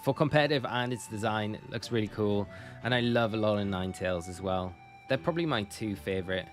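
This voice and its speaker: Faint music plays behind this young Northumberland man as he talks fairly quickly in a lowish voice. He's chatting loosely with his live-stream viewers, rambling and self-correcting as he goes.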